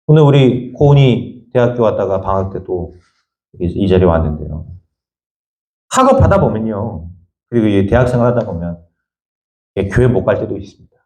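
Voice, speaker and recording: A male pastor preaching a sermon, firing rhetorical questions at the congregation and swinging between raised high lines and quiet low asides. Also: expressive, moderate pace, pauses often. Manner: emphatic, fires repeated rhetorical questions at the congregation. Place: church sanctuary. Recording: echoey church room.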